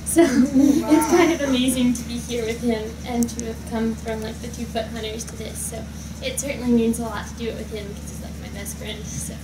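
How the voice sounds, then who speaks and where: A woman's voice: on the high side, fairly even intonation, a little fast, a crowd in the background. A nineteen-year-old woman from Maryland, a show jumping rider, chatting in a post-competition interview. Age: young adult. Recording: noisy, echoey, distant.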